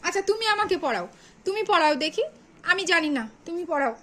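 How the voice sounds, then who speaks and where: High, bright woman coaxing a child. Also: sing-song, a little fast, slight background noise. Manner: coaxing, repeating prompts, mock scolding. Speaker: parent tutoring a small child. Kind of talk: home reading lesson with a child.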